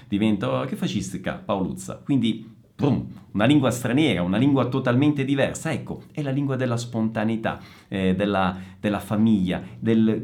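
Lively Italian man teaching learners. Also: mid-range voice. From Italy, family from Sicily. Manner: lively, emphatic, asks "no?" to check understanding. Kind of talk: explaining to learners.

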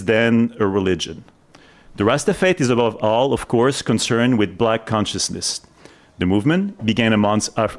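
A man presents live on the radio in a fairly low voice. He talks in an earnest, explanatory way, partly as if from prepared notes. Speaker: radio host. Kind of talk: live radio talk, semi-scripted explanatory narration.

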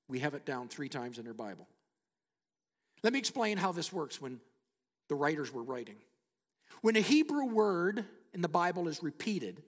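A middle-aged man preaching a sermon, slowing down and dropping to a hushed near-whisper for emphasis. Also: sits high, big-room sound. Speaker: pastor.

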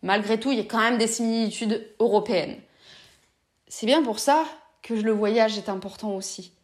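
Woman from France, fairly high voice, earnest, impassioned, reflective monologue, direct address. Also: moderate pace. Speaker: vlogger speaking about neurodiversity.

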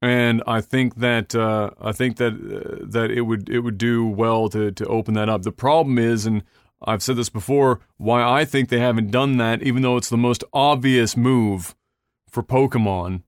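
A man's voice: mid-range voice, steady tone, moderate pace, smooth, no room sound, clean studio sound. A man hosting a casual gaming podcast, rambling through news with restarts and casual swearing. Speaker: podcast host.

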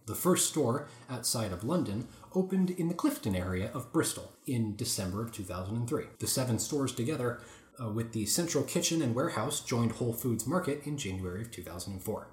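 A man hosting a podcast, reading an article aloud in a casual chat with lively asides. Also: medium pitch, brisk. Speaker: podcast host. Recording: roomy echoey room.

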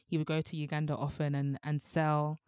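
Young female podcast co-host, low-pitched, relaxed fillers, dry studio mic. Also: brisk, clean tone, no echo. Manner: chatty, laughs often, many fillers. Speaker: book club podcast co-host. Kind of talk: casual book discussion.

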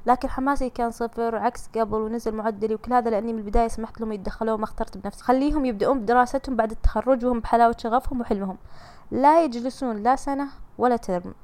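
A woman's voice: fairly high pitch, fairly even intonation, fast, a little mellow. A young Saudi woman with a Gulf accent, hosting a casual solo podcast and chatting in a teasing, comforting way. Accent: Saudi Gulf Arabic. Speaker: podcast host reading listener messages.

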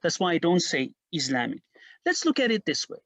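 Talking a little fast with no room sound, this historian guest is a middle-aged Iranian man whose native language is Persian. In the interview he holds forth on history at length, emphatic and animated, with frequent restarts and lively leaps in pitch.

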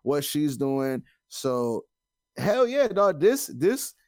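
Slangy guy on a podcast, bit high voice, super dry recording, opinionated casual chat. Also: sing-song, slow pace, darkish tone, dry recording. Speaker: podcast host.

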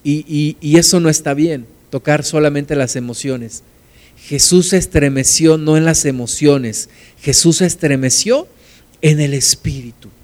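A man preaching a sermon, retelling scripture slowly and deliberately, dropping to soft quiet stresses. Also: a little high. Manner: storytelling retelling of scripture with acted quotes.

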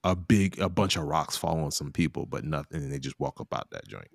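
Man, late 30s, very low voice, gravelly, slangy and relaxed, casual scripture talk. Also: fairly quick, no echo, studio quality. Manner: laid-back, laughs often, slangy. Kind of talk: casual Bible study chat.

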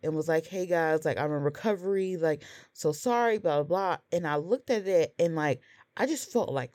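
A woman's voice: low voice, moderate pace, darkish tone, no room sound. Earnest woman in her thirties, dry sound. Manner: heavy use of "like" fillers, earnest and open. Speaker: podcast co-host. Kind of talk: casual confessional chat.

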